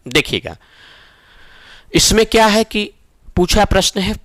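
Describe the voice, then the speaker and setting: Male grammar tutor, middle-aged, explains methodically with frequent check-ins, higher pitch, dry recording. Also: animated, measured pace, fairly bright tone, dry recording. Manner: explains step by step, often asks "ठीक है ना?". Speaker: teacher. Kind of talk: exam-prep Hindi grammar lesson.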